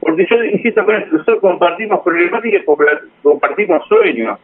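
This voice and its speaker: A man's voice: sits high, expressive, fast, husky, narrow, tinny audio. A man with an Argentine accent chatting casually as a guest, rambling and restarting his sentences. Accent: Argentine Spanish. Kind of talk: casual conversation.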